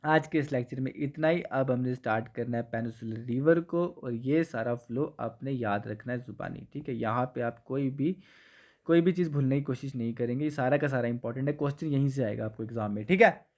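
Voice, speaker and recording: In Kashmiri-accented Hindi, a man leads an exam revision lecture over a map, his medium-pitched voice brisk and a little mellow. He keeps posing questions to the class, answering them himself, and checking in with "theek hai" again and again.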